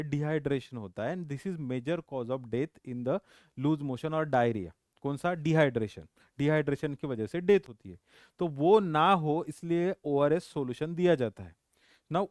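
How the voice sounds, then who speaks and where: Man, lecturer, Hindi-mix, slightly high voice, slow unhurried delivery, repeats key points. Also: a little mellow, dry recording, clean studio sound. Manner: asks and answers his own questions. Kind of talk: recorded medical lecture.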